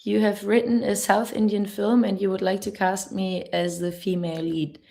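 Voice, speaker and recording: A woman's voice: mid-range voice, little pitch movement, moderate pace, creaky, warm tone. A young woman with a German accent, a travel vlogger answering chat questions on a live stream in a chatty, laughing, careful way.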